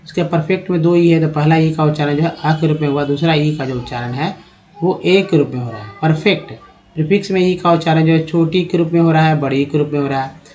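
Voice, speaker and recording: A man's voice: fairly high pitch, fairly even intonation, a little mellow, highs cut off. Man teaching English word by word. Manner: repeats each word slowly and spells it out; addresses viewers as friends. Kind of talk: spoken English lesson.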